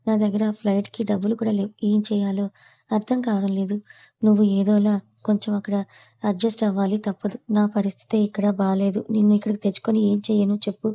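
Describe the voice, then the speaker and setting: A woman voices a worried middle-aged mother who frets and pities herself. The voice is dark and mellow, and the pitch barely moves. This is an audio storybook. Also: level tone, fast talker, creaky. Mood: fretful. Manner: fretful, plaintive.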